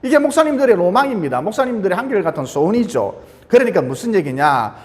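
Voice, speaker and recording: A man's voice: sits high, sing-song, fast talker, a little mellow. A man, a pastor, preaching a sermon with emphatic repetition and rhetorical questions. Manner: emphatic, repeats phrases, asks rhetorical questions. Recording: long hall reverb.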